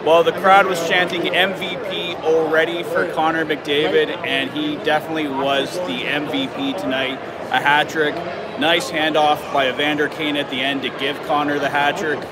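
A man talks casually about a game as a fan at a busy arena entrance, caught on a companion's phone held slightly off. His voice is fairly high, level in tone, at a normal speed. Very loud urban crowd and traffic noise fills the recording.

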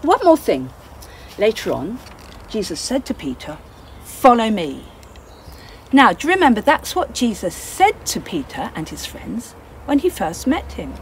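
Animated woman telling a children's Bible story. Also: on the high side, normal speed, a little hiss or hum, low-quality recording. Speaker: children's church leader.

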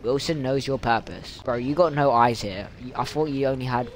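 Gamer guy, casual let's play, gets hyped and yells at the screen, faint noise behind. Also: medium pitch, normal speed. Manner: excitable, exclaims and reacts loudly. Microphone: headphones, at home in the dark.

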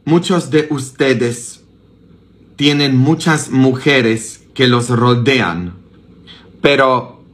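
A male priest with a sore throat preaches in an easy, unhurried way to people watching online. He greets them with a sing-song "hello, hello" and keeps turning his points into pointed questions aimed at his listeners. His pitch sits in an ordinary middle range for a man. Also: fairly bright tone. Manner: peppers his talk with rhetorical questions to the listeners. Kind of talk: casual preaching to an online audience.

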